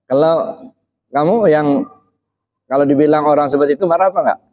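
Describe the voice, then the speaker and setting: A man with a fairly high, somewhat mellow voice gives an interactive Islamic sermon. He presses the audience with questions and answers, sprinkling brief "ya" checks between phrases, on a recording that comes across slightly muffled and dull.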